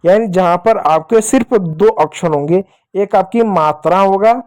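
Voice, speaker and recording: A man gives a children's lesson with a mellow, warm tone. He speaks patiently, repeating every point and posing questions that he answers himself. His delivery is that of a teacher walking small learners through each step. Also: high voice, measured pace. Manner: patient, repetitive explaining, asks questions and answers them himself. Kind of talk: classroom-style lesson for children.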